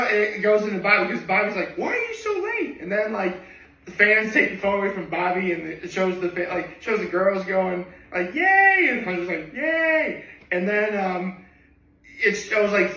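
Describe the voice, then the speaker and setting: A man's voice: high-pitched, pushed and bright. A man chatting casually about a movie he loves, rambling with lots of fillers and rising enthusiasm. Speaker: vlogger. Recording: echoey room, voice from a distance.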